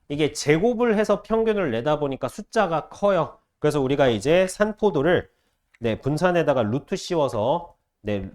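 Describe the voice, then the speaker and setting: A man teaching math to a class, firing short questions at students and repeating key phrases slowly. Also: on the high side. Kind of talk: classroom lecture.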